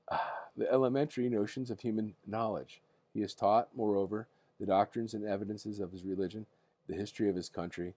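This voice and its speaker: An older man with a grandpa voice reads a history book aloud in a casual bedtime manner, halting now and then and rereading words he stumbles over. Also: lowish voice, warm tone, no echo. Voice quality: husky grandpa voice.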